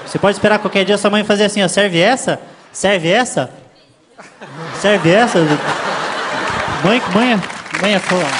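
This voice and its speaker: A male stand-up comedian with a Brazilian accent talks quickly in a high voice and acts out his stories with voice imitations. He performs live on stage, and a laughing crowd and loud background noise sit under his voice. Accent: Brazilian Portuguese. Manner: animated storytelling, frequent voice imitations. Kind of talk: stand-up routine.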